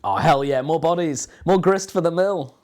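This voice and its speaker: A man's voice: on the high side, normal speed, darkish tone. A man hosting a casual watch-along stream, sarcastic and dry, with plenty of swearing. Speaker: stream host.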